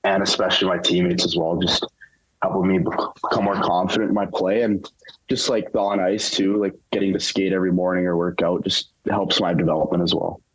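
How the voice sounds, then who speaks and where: A young man answering interview questions casually, in a relaxed, halting way with lots of fillers. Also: low-pitched, breathy edge, rough recording. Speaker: interview guest, hockey player.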